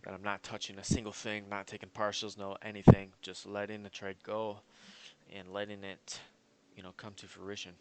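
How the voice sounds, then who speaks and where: A man's voice: lowish voice, monotone, moderate pace, a bit bright. A man walking through his trading chart analysis in a casual, confident and rambling way, with lots of fillers. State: hiccups. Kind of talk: casual screen-share market analysis.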